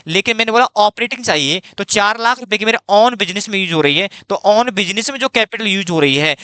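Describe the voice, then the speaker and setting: A man teaching accounting at a fast clip, often repeating himself and firing rhetorical questions at students. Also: sits high, pushed and bright, clean tone, dry recording. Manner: repeats phrases, fast-paced. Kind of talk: exam-prep lecture.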